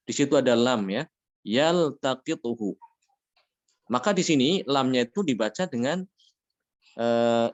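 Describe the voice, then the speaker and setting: A man teaching a Quran recitation lesson, explaining rules patiently, checking in with frequent "ya" and chanting Arabic examples slowly. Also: mid-range voice, lo-fi sound. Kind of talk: religious lesson on tajweed rules.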